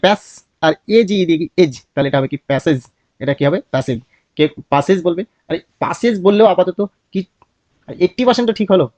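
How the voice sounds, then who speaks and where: Brief: male phonics teacher, Bangladeshi accent, a bit high-pitched, spells and repeats words in a dry, slightly dull recording. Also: a little mellow, no room sound. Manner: asks a question and answers it himself, drills words repeatedly. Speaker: English teacher.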